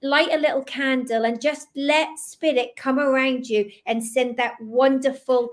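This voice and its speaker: A woman with a slight Scottish accent giving fast, gentle, reassuring psychic readings on a live video stream. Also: high-pitched, fairly even intonation. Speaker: psychic medium. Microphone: video call.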